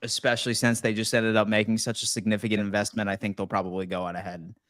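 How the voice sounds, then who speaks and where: A man's voice: lowish voice, little pitch movement, fast talker, fairly bright tone, dry recording. A man hosting a live call-in show, hyped and slangy, often calling people "man". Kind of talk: casual call-in chat.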